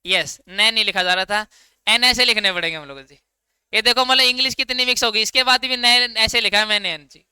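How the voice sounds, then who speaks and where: A man teaching a class in a very bright, crisp, clear voice. He fires questions at his students and answers them himself, in a casual lecture style. The sound is dry and close, with no room echo. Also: high-pitched, brisk. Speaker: English grammar teacher.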